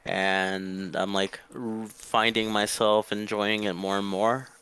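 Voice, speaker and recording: A young man from Mexico chats with his coach over a voice call, polite and upbeat, often restarting mid-sentence. His voice sits low but sounds bright and crisp, recorded close and dry. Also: little pitch movement, takes it slowly. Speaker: student player. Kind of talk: casual chat.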